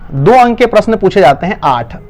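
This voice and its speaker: A man's voice: high-pitched, expressive, fairly quick, a little mellow. A male online tutor with a Bihari Hindi accent, giving an urgent, coaxing exam-prep lesson to students.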